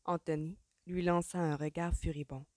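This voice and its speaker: A woman narrating an audiobook in a measured, expressive way. Her voice sits a little low and sounds mellow. The recording is dry and close to the mic. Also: dry recording. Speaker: audiobook reader. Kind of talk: scripted narration.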